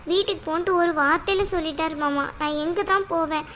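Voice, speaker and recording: A woman doing a shrill, fiery young wife. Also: fast talker, slight background noise. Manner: complaining, sharp-tongued. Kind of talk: cartoon voice acting.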